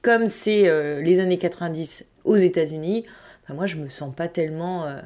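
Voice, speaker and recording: A woman's voice: lowish voice, normal speed, darkish tone. French woman musing aloud on her writing. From France. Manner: thinking aloud with frequent hesitations. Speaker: aspiring novelist, podcast host. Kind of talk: spontaneous audio diary.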